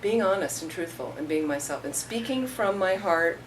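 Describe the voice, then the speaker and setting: Her voice low-leaning and lively in intonation, a middle-aged Buddhist teacher talks at a moderate pace, relating stories informally and performing the quotes of those involved. A distant mic captures her along with faint room noise.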